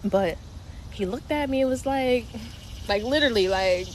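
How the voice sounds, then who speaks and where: A young woman from Delaware with a slight New York twang hosts a spiritual livestream, chatting casually, swearing, and laughing often. Her voice is on the high side at a moderate pace, and the low-quality recording carries steady background noise.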